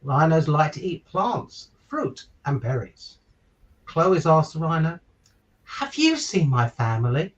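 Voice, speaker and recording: Very animated and taking it slowly, a fairly high-voiced man reads a children's picture book aloud as a stand-in story reader. He chats and asks his listeners questions, speaking on a virtual call far from the mic, where the audio sounds dull.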